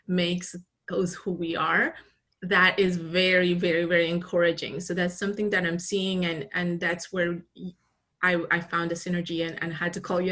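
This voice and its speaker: A woman from Colombia, in her early forties, recounting her path as a business founder in a relaxed interview. Her voice is bright and sits a little low, and she tells her story with animated restarts and easy laughs. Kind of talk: casual interview conversation.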